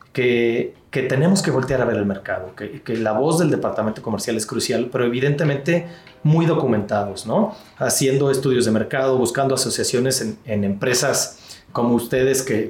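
A man's voice: medium pitch, darkish tone, roomy sound. A man, a real estate sales executive, answering interview questions thoughtfully with many fillers and restarts.

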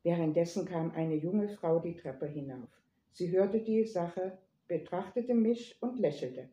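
A woman narrating a first-person story in a lively, playful manner, in an echoey room. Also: on the low side, a little slow, muffled recording. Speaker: reader.

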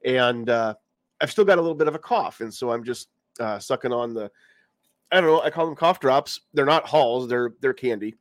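A congested podcast host, getting over a cold, talks around a lozenge in a casual live-stream chat. His voice is medium-pitched at a normal speed, recorded dry.

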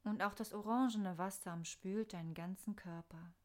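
A woman narrating a scripted guided meditation in a soft, soothing, unhurried manner with pauses. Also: medium pitch, steady tone.

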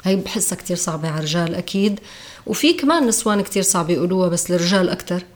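A woman's voice: lowish voice, rapid-fire. A woman with a Levantine Arabic accent, a podcast guest in casual, reflective conversation. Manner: reflective, acts out quoted voices.

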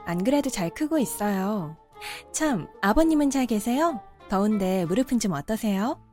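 A woman's voice: medium pitch, lively intonation, normal speed, dark tone, lightly acted. A woman voicing a respectful yet insistent daughter-in-law and mother, in a cartoon drama. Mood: polite. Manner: polite, respectful, growing insistent. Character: daughter-in-law, polite but firm mother. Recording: faint background music.

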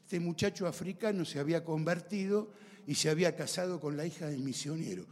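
A middle-aged man with a Rioplatense Spanish accent, a pastor telling a testimony in a sermon, animated and speaking straight to the audience. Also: on the high side, fairly quick, long reverb tail. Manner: animated storyteller, talks to audience.

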